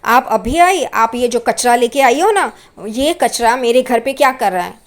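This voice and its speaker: Sharp-tongued middle-aged aunt, shrill and loud, put on by a woman retelling a serial. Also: expressive, measured pace. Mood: scolding.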